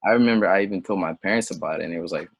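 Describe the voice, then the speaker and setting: A young man raised in Senegal, a native French speaker, is a guest in a casual interview, rambling and second-guessing himself before drifting into impassioned tangents. He talks very fast in a low, slightly rough voice, with no echo.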